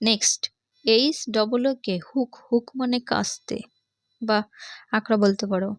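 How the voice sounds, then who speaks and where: Bangladeshi woman, patient teacher of young kids, higher voice, dry close recording. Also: fairly even intonation, measured pace, no echo. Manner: patient, repeats each point and asks the class questions. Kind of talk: explaining an English reading lesson to young children.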